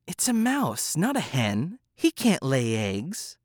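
A cruel, hungry cat, acted by a man that whines when she wants food and snarls when she threatens. The voice moves between high and low, recorded close and dry. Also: huge pitch swings, takes it slowly, darkish tone, dry recording, full character voice. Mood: whiny. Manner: whining and snarling.

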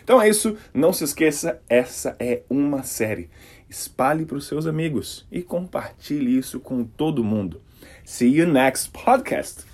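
A man from Brasília with a Brasília Portuguese accent, an English teacher giving an energetic podcast pronunciation lesson and acting out the sounds he teaches. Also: fairly high pitch, unhurried. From Brasília, Brazil. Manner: energetic, demonstrative, exaggerates sounds.

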